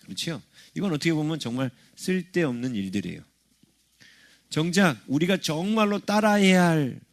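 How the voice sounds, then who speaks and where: A middle-aged man preaches a sermon in a church in a friendly, talky way. His voice sits a little high for a man, and he keeps asking the congregation short rhetorical questions. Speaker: pastor. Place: church sanctuary.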